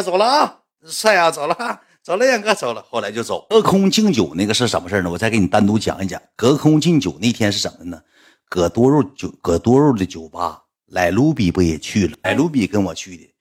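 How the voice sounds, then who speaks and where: A husky-voiced man tells rambling stories to his livestream viewers. He talks fast and swings his pitch widely, sounding lively and exasperated. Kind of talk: casual storytelling on a livestream.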